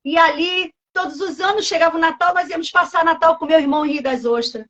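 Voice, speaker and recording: Fervent and emotional, a Brazilian woman in her fifties preaches her personal testimony as a pastor, dramatizing conversations with God. She talks fast in a very high, slightly bright voice. The recording's highs are cut off.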